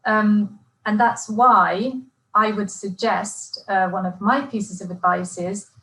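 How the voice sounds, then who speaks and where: A woman's voice: mid-range voice, steady tone, slow, a bit bright. Chatty woman presenter in an echoey room. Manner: chatty and encouraging, with frequent fillers and restarts. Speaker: teacher trainer presenting an exam webinar. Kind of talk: webinar presentation.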